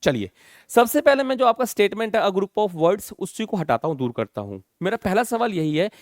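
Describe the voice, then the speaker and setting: Lively high-voiced Indian English teacher. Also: male voice, no echo, studio quality. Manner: addresses students as children, asks constant check questions; slowly dictates English definitions word by word. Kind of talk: classroom lecture.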